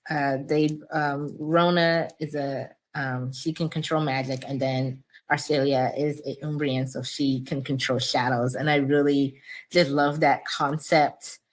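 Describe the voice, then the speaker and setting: Low-pitched woman author guest, chatty, lots of ums and laughs. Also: steady tone, measured pace. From United States, Cameroonian parents. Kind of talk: casual interview chat.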